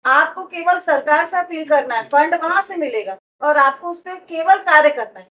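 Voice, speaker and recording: A woman's voice: high voice, animated, normal speed, pushed and bright, rough recording. A woman running for local office, answering an interviewer earnestly and making promises. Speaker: election candidate.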